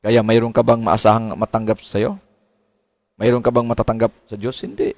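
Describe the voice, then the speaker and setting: A man's voice: on the low side, flat delivery, moderate pace, darkish tone, no room sound. A middle-aged man preaching a sermon as a pastor, asking questions and mimicking complaints. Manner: preaching with rising questions and mimicked complaints, mixing English phrases.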